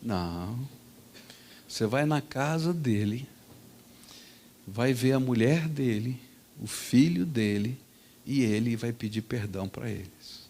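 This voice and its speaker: A man voicing a stern, calm father disciplining his young son, speaking low, quiet and firm. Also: takes it slowly, pauses often.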